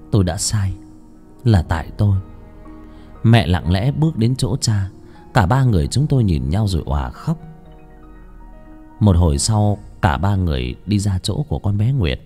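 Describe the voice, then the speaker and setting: Male audiobook narrator, expressive horror telling, lively pitch, faint music behind. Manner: expressive, varied delivery. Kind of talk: dramatic horror story narration.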